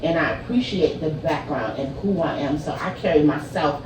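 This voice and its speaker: Echoey, low-voiced woman. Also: normal speed. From southern United States, rural. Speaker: panelist. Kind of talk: casual panel talk. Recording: echoey room, distant mic, clear noise.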